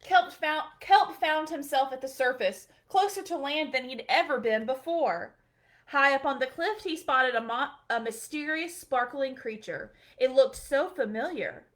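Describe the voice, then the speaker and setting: There's no hurry in this woman's high voice as she reads a bedtime picture book aloud. A children's librarian by trade, she tells the story tenderly and with lots of expression.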